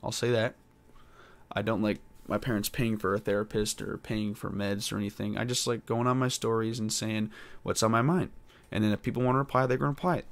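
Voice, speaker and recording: Rambling young man, low voice. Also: gravelly. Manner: rambling, hesitant, many pauses and fillers. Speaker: podcast host. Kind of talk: casual solo podcast monologue.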